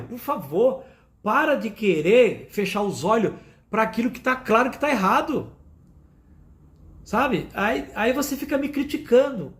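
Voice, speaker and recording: A male pastor with a Brazilian accent delivers a sermon in a high, lively voice. His pitch leaps around as he stresses his points, repeating phrases for emphasis. He keeps turning to the congregation with fond direct address. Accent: Brazilian Portuguese. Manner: emphatic, repetitive, addresses listeners as "amados".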